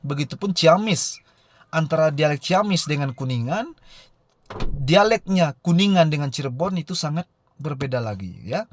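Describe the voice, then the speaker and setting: A man giving a recorded lesson, often pausing with "eh" fillers and ending points with a tag "ya". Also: fairly high pitch. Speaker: teacher.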